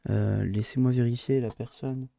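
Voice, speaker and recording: A man's voice: medium pitch, steady tone, moderate pace, vocal fry, mellow, dry recording. A male primary school teacher recording a remote lesson for his pupils, hesitant with many fillers and restarts, livelier when he explains a rule.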